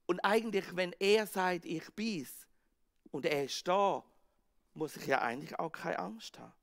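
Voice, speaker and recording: A male pastor with a Swiss German accent preaching a sermon, acting out the scene with sudden swings from loud outbursts to hushed words. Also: sits high, lively intonation, normal speed, creaky. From Switzerland. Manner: dramatic, acts out the disciples' panic and Jesus' words, swings from loud to hushed.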